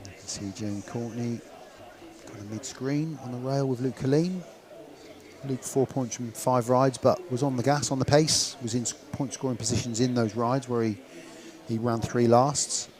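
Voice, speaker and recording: A man's voice: medium pitch, fairly even intonation, normal speed. A man with an English West Country accent giving chatty, informal live speedway commentary, thinking aloud as he goes. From West Country, England. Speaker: speedway commentator and stream host. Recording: crowd noise at outdoor venue. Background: speedway stadium crowd.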